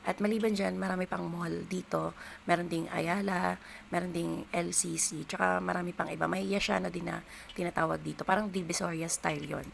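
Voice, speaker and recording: A hoarse Filipino woman casually narrating a city tour as a vlogger, pointing out the sights. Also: lowish voice, fairly even intonation, a little fast, a little hiss or hum.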